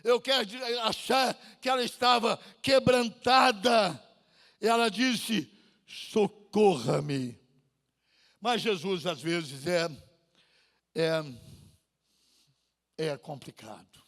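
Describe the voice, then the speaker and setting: A male pastor preaching a sermon, dramatic and slow, drawing out pleas and swinging from loud cries to near-whispers. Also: sits high. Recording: long church reverb.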